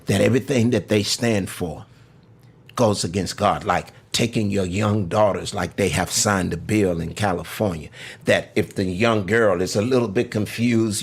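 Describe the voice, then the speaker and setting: A man's voice: on the low side, vocal fry, slightly rough. An older man co-hosting a ministry talk show, speaking emphatically about faith and politics in a casual, preachy way. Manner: emphatic, preachy, drawling asides. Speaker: ministry co-host.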